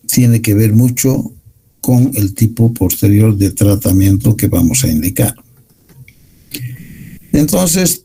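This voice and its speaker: A man giving a university medical lecture, explaining slides in a measured way. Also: on the low side, gravelly, dark tone, husky, poor audio.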